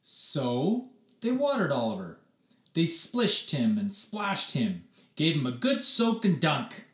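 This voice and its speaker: A male teacher reads a children's picture book aloud, slow and deliberate, his pitch highly animated. He uses theatrical emphasis and pauses, and the room gives off a clear echo.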